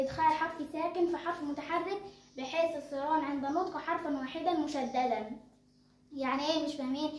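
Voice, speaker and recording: A young girl with an Egyptian accent acts as a Quran recitation teacher, explaining tajweed rules by posing questions and answering them herself. The female voice is high, and the room echoes.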